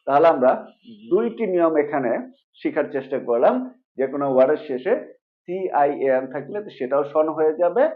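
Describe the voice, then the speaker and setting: A man with a Bangladeshi Bengali accent teaching English pronunciation in a video lesson, repeating each word slowly and asking his own questions, then answering them. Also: a little high, animated. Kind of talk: video lesson explaining rules. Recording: tinny phone-like recording.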